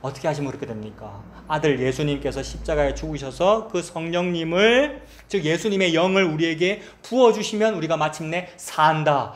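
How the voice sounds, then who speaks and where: Male pastor, slightly high voice, conversational sermon, questions to the congregation.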